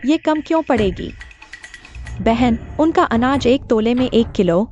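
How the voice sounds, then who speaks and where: A woman's voice: on the high side, animated, unhurried, a little mellow, dull audio, slight background noise. A woman voicing a commanding, formal eldest daughter of a wealthy family in a dubbed drama. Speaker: dub voice actor. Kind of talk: Hindi drama dubbing.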